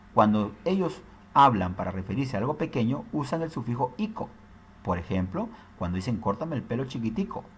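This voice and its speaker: A male teacher gives an explanatory lesson, his pitch rising and falling freely as he checks in with the listener. A faint hum of background noise sits under the recording. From Peru. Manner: explanatory, frequent tag questions.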